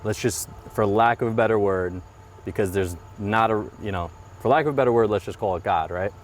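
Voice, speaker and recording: A man in his thirties who owns a mortgage business is a guest in a casual interview held outdoors beside a parked car. His voice is fairly low and fairly quick, and he speaks earnestly and reflectively, often repeating his phrases. There is a little hiss or hum in the audio.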